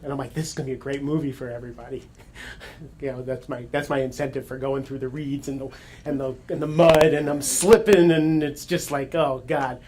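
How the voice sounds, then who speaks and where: A man at middle pitch tells an excited story, often breaking off and correcting himself, with small laughs along the way. A faint noise runs under the voice. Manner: animated, excited retelling with self-corrections and laughs. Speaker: coach and speaker. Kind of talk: storytelling talk to an audience.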